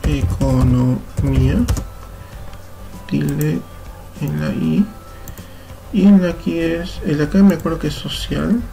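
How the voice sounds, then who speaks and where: Patient Peruvian teacher, gravelly voice. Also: male voice, a little high, fairly even intonation, unhurried, long pauses, dark tone, faint music behind. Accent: Peruvian Spanish. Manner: patient, step-by-step, self-correcting. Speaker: computer teacher. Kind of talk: screen-recorded software tutorial.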